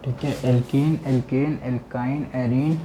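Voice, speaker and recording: A man's voice: mid-range voice, fairly even intonation, a little slow, dark tone, slight background noise. A man teaching chemistry, lecturing a class and repeating key terms back as questions.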